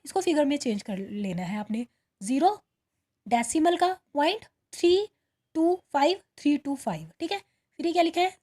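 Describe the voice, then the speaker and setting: A woman's voice: high-pitched, a little mellow. A woman teaching primary school from a worksheet, patiently walking young pupils through each step and often checking they follow. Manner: patient, repeats "ठीक है" and calls pupils "बेटा". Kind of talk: recorded worksheet lesson for children.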